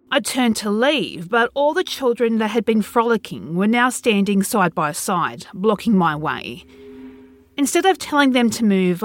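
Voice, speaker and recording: A woman narrating a first-person horror story in an expressive reading. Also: mid-range voice.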